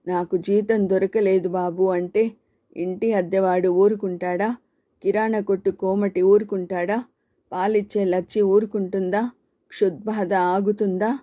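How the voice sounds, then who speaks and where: Flat, dark-voiced woman reading a story. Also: mid-range voice, dry recording, clean studio sound. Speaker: story narrator. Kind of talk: scripted first-person story reading.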